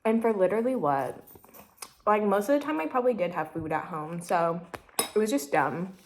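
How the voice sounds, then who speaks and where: A woman's voice: mid-range voice, lively intonation, normal speed, slight background noise. Woman, 20s, casual eating vlog; rambling, filler-heavy chat, sometimes mouth full. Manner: chatty, rambling, heavy use of "like" and "literally". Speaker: vlogger.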